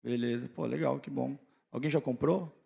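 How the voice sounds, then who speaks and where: A Brazilian man giving an informal, unscripted talk at an event, sounding hungover, low-key and candid. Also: steady tone, normal speed, gravelly, mellow, husky. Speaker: guest speaker, business founder. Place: on stage at an event, talking to an audience.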